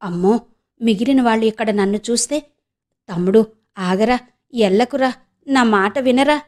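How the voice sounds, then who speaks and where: A woman's voice: on the high side, normal speed, a little mellow, natural voice. A woman voicing a young village woman who is searching for her lost brother, speaking earnestly and pleadingly in an audiobook. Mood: anxious, pleading.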